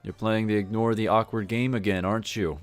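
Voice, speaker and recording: A man's voice: lowish voice, steady tone, brisk, no room sound, soft background music, lightly acted. A man voicing a young female resort supervisor who explains duties in a matter-of-fact way. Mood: brisk.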